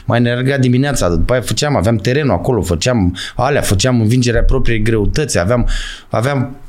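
A middle-aged man, a former footballer, telling stories in a casual interview, talking emphatically and calling out to his listener. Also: medium pitch. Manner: animated, emphatic, calls the listener "bă" and "frate".

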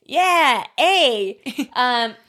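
A woman's voice: high-pitched, lively intonation, very slow, bright, forceful tone. Giggly woman podcast co-host. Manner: giggly, playful, does silly voices. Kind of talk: casual chat.

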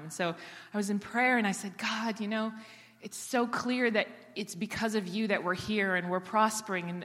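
A woman in her forties from Israel, speaking at a church in a conversational way, slightly hoarse from a cough. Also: mid-range voice, a bit bright. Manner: conversational, with fillers. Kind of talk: sermon. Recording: church hall with long reverb.

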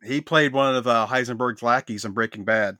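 A man's voice: mid-range voice, brisk, pushed and bright, no room sound, clean studio sound. A man co-hosting a podcast in casual chat, telling stories in a chatty way. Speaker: podcast co-host.

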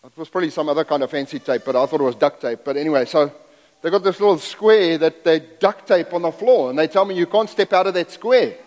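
A man's voice: a little high, quick pace, a little mellow. A middle-aged man from Zambia, raised in South Africa, preaching as a guest in a church in a folksy, self-deprecating way, rambling into asides. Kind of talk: sermon. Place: church sanctuary. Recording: long hall reverb.

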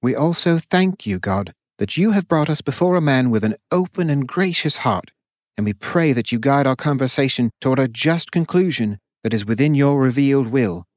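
A man's voice: medium pitch, animated, normal speed, no echo, studio quality, voice pushed up, close to an everyday voice. A man voicing an earnest, cautious young monk who speaks formally and reverently.

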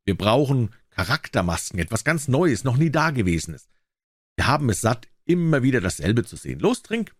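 A man voicing a cruel, fat, jesting male king in a storybook reading, loud and mocking. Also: medium pitch, big pitch swings, normal speed, breathy edge, dry recording.

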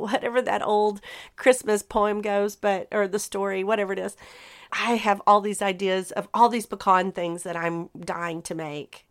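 A woman's voice: medium pitch, a bit bright, smooth. A woman hosting a podcast, chatting in a rambling, easygoing way and laughing often. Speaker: podcast host. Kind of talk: casual solo podcast chat.

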